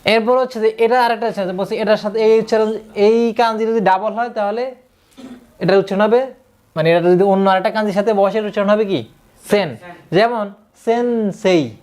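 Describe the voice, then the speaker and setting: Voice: mid-range voice, steady tone, a little fast, darkish tone. A language teacher giving a classroom lesson, patiently explaining and counting stroke order aloud while asking students questions. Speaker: Japanese teacher.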